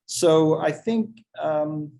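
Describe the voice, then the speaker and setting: A man from the United States talks as a kava bar owner on a webinar panel. He keeps stopping and restarting his sentences. His voice is soft and mellow. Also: fairly high pitch, creaky. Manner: halting, many restarts.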